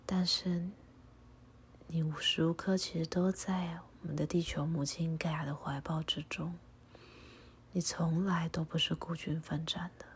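A woman leading a guided meditation and prayer, speaking softly and calmly, often in a half-whisper. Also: low voice, a little hiss or hum. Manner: soft, breathy, often half-whispered delivery; slow, calm, instructive.

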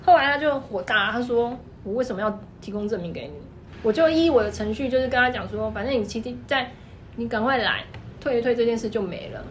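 Fast-talking Taiwanese-accented woman storyteller. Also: a little high, a little hiss or hum. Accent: Taiwanese Mandarin. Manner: animated, fast-talking, emphatic. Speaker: guest, clothing shop owner. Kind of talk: casual storytelling chat.

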